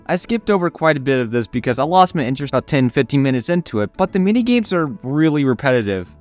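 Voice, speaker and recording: A man's voice: medium pitch, big pitch swings, fast, soft background music. A young man narrating a comedic video game review in an exasperated, sarcastic way.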